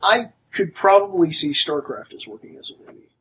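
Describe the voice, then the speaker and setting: A man's voice: fairly high pitch, sing-song, brisk, fairly bright tone, slight background noise, low-quality recording. A man co-hosting a casual podcast, dropping sarcastic quips and firm opinions. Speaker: podcast co-host. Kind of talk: casual chat.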